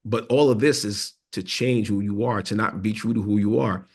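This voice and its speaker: Low-voiced man, earnest and reflective. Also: steady tone, moderate pace, a little mellow, breathy edge. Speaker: podcast guest. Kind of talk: conversational interview.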